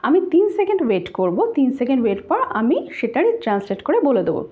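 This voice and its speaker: A woman teaching Japanese grammar in a casual online lesson, explaining slowly and repeating each example phrase. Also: high voice, very animated. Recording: tinny, phone-like audio.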